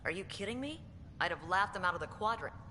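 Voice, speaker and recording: A woman's voice: medium pitch, animated, fast, bright, forceful tone, in a large hall, a little hiss or hum. A woman voicing a seasoned female starship captain with a matter-of-fact manner.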